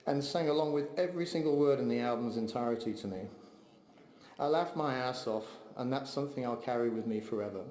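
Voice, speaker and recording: A man delivering a heartfelt memorial eulogy for his father, speaking in a measured, steady way. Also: mid-range voice. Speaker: eulogy speaker, son of the deceased. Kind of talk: memorial eulogy read aloud. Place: large memorial hall. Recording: echoey hall, long reverb.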